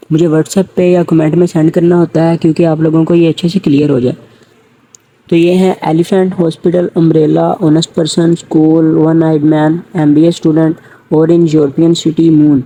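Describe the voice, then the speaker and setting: Husky, dark-toned male English teacher. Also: fairly high pitch, low-quality recording. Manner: asks students questions, then answers them himself. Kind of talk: recorded grammar lecture.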